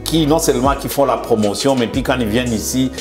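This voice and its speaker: A man in his fifties, a museum director, speaking haltingly in a conversational interview. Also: mid-range voice, music in the background. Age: 50s. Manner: hesitant, halting with many pauses and repeated words. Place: museum in Montreal.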